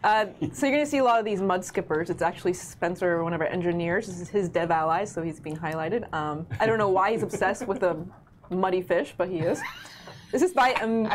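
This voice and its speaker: A woman's voice: lowish voice, fairly quick, a little hiss or hum. Upbeat woman presenting on a stream. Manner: friendly, upbeat, reading names aloud. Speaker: community manager presenting fan art. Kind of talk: casual livestream chat.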